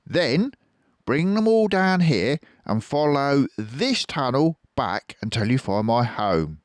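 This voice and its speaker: A man's voice: mid-range voice, very animated, slow pace, no room sound, clean studio sound, pitched above the performer's own voice. A man voicing a confident, generous, scheming male fox for a children's storybook, grandly persuasive and savouring his words. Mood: eager, conspiratorial.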